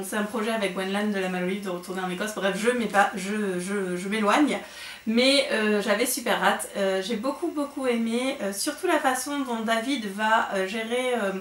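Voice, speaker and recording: A woman giving a casual monthly book recap on her vlog, chatty and hesitant with frequent fillers and restarts. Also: medium pitch. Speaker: book vlogger. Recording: echoey room with faint noise.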